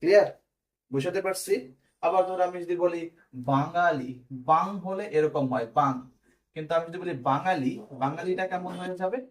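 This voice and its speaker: A young man teaches an online exam-prep class. His voice sits a little higher than most men's. He explains step by step and keeps checking in with his students. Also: normal speed.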